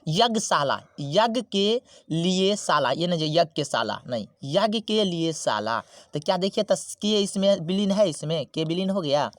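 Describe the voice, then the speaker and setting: Hindi teacher drilling grammar, asking "what?". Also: male voice, on the high side, animated, no room sound. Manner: repeats key words with rhetorical questions; slows to spell out terms. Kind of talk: classroom-style grammar lesson.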